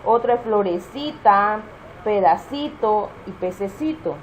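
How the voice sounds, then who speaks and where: Slow woman reading out spelling rules. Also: mid-range voice, animated, background noise. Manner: slow, listing words one by one.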